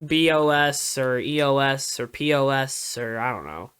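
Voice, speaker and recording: A man's voice: mid-range voice, lively intonation, a little slow, a bit bright, clear, resonant tone. A man hosting a casual podcast, running the segments with wry, mock-grumpy banter. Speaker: podcast host. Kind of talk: casual chat.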